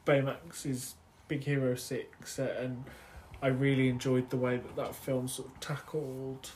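A man co-hosting a podcast, talking in a relaxed, thoughtful and hesitant way. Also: mid-range voice, measured pace, a little hiss or hum. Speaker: podcast co-host. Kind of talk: casual chat.

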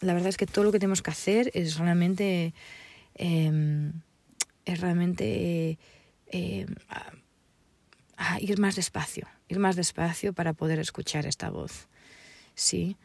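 A woman coach giving a gentle, reflective talk on emotional healing. She speaks hesitantly and often ends phrases with a questioning "right?". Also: lowish voice, fairly even intonation, unhurried, vocal fry, no room sound.

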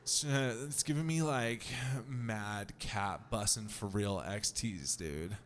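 A man's voice: on the low side, slow pace, a little hiss or hum. A young man hosting a podcast in a casual, joking way, swearing and laughing often. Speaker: podcast host.

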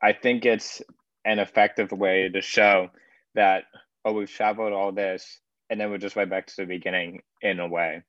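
A man co-hosting a music breakdown, talking about music theory and production in relaxed, loosely phrased sentences. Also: sits low, moderate pace, no echo, lo-fi sound. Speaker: music analysis co-host. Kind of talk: casual analytical chat.

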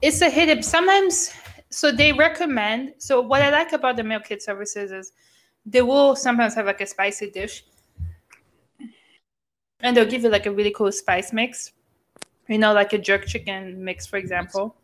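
A woman's voice: fairly high pitch, normal speed, a bit bright. A young woman co-hosting a podcast in casual chat, rambling with fillers and restarts, a bit sick and coughing. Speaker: podcast co-host.

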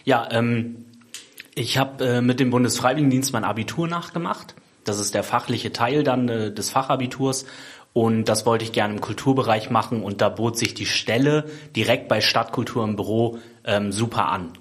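A young man who is a guest on a podcast and explains things calmly, often filling his pauses with "ähm". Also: medium pitch. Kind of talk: casual interview answers.

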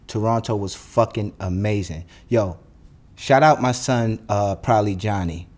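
A man's voice: fairly low pitch, a little slow, a little mellow. A young man, ranting bluntly and profanely as a podcast host. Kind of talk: solo podcast monologue.

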